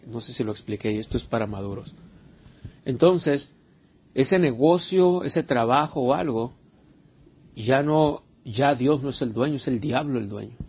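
Husky preacher, earnest and questioning. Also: male voice, medium pitch. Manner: earnest, repeats words, asks the congregation questions. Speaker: pastor. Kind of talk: conversational sermon with Bible study. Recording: dull lo-fi recording.

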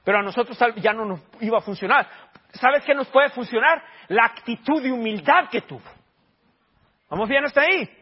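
A man's voice: very high voice, animated, moderate pace, breathy edge. A man, preaching a sermon and questioning his congregation in emphatic rising bursts. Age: 40s. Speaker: pastor. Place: church. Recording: dull lo-fi sermon recording.

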